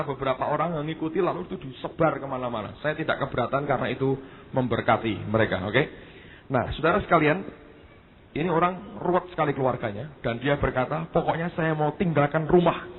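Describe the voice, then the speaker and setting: A man's voice: a little high, a little fast. Male pastor, tinny recording. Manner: storytelling, often addressing the congregation as "saudara". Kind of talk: sermon. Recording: tinny phone-like sermon recording.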